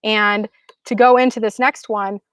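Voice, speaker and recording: A woman in her thirties giving a casual storytelling talk, animated and full of "like", acting out quotes with sudden high bursts. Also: unhurried, clear, resonant tone, dry recording. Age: 30s. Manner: casual, lots of "like". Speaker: speaker.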